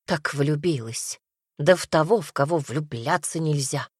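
A woman voicing a worried mother who frets and laments softly. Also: low voice, a little slow, slightly rough, no room sound, studio quality. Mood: fretful. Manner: fretful, lamenting, hushed.

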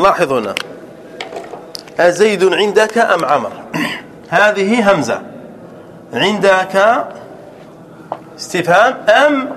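High-voiced man teaching a grammar lesson. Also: a bit bright, long reverb tail. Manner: checks on students with frequent rhetorical questions; repeats example sentences slowly and breaks them into words. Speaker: sheikh teaching Arabic grammar.

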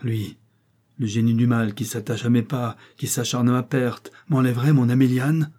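Give me a lovesick young knight, as a man reads him aloud, pleading in fervent, theatrical lines. The voice is mellow and dark, with a faint husk to it. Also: medium pitch, flat delivery, moderate pace, close to an everyday voice. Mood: anguished. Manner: impassioned pleading declamation.

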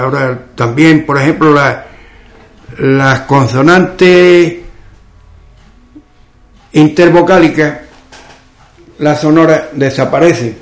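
Slow, measured man with an Andalusian accent. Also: mid-range voice, gravelly. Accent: western Andalusian. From Ubrique, Andalusia, Spain. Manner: slow and explanatory, often pauses with "¿qué digo yo?". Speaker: author and local dialect expert. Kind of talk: interview on local speech.

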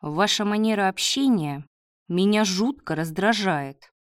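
A woman reading the part of a gruff, hungover male doctor who speaks curtly and snaps orders. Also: sits high, a little slow, no echo, studio quality. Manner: curt, snapping orders.

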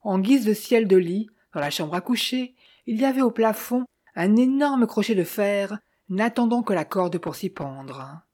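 A woman reading a short story aloud in steady, measured narration. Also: medium pitch. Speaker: audiobook narrator.

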